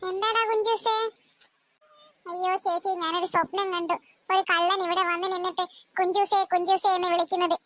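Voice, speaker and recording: A woman voicing a timid young boy in a cartoon, the younger brother, with a high squeaky child voice and a whiny, easily scared manner. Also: steady tone, moderate pace, fairly bright tone. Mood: pleading. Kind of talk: cartoon voice acting.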